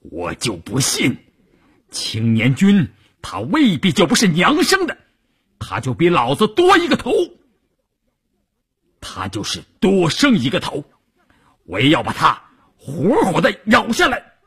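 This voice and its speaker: A man voicing a hot-tempered army division commander who shouts orders and curses, with a husky voice. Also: on the high side, wildly swooping pitch, unhurried, pauses often, heavily acted. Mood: furious commanding.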